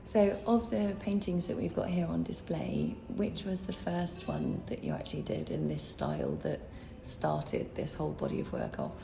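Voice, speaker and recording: Creaky-voiced woman interviewer in echoey room. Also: fairly low pitch, big pitch swings, normal speed, few pauses, noisy background. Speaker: interviewer, gallery host. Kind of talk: informal interview. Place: indoor cafe gallery. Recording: echoey busy cafe, background chatter.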